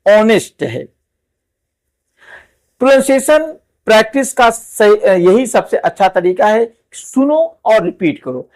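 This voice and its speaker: A man teaching English pronunciation, taking his time and repeating each word several times for the learner. His voice sits fairly high for a man, and he keeps a slow, drawn-out pace. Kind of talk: pronunciation lesson.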